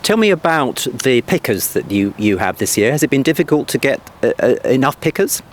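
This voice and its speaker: Reporter, man, animated pitch, chatty questions; faint outdoor noise. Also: a little fast. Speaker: radio news reporter. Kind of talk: radio news feature interview.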